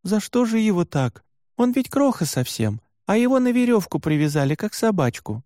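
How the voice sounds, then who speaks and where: Tender-hearted young girl as a male reader puts her on, pleading, high, audiobook. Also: sing-song, moderate pace, warm tone, dry recording, clean studio sound. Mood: upset. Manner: pleading, near tears.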